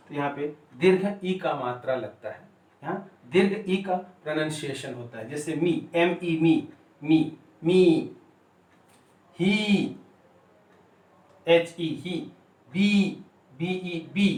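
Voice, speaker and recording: Male pronunciation teacher, slightly high voice, very slow and drilled, echoey room, distant mic. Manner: slow and deliberate, repeats and spells out words. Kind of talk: Hindi-language lesson.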